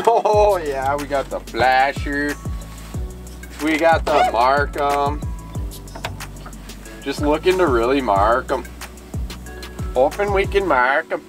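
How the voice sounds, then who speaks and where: An excitable man in his thirties, filming his own fishing trip with a camera held at arm's length. He talks casually, hyped up, outdoors on a lake, with music playing behind him. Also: on the high side. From Minnesota. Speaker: fishing vlogger. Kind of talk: casual outdoor vlog talk. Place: outdoors by a lake, then in a small boat on open water. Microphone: camera mic, handheld at arm's length then on a mount.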